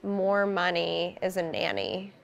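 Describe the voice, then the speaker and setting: A woman's voice: lowish voice, big pitch swings, takes it slowly, vocal fry, lo-fi sound. A woman in her thirties, a women's health nurse, talking in a matter-of-fact way in a panel chat. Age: 30s. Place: indoor cafe.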